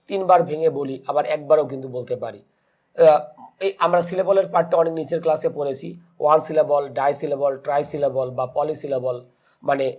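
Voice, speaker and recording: A man with a Bangladeshi accent teaches English grammar for exams, speaking quickly in a slightly high voice. He keeps asking rhetorical questions and answering them himself, slipping English terms into his Bengali. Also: a little mellow. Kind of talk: exam-prep grammar lesson.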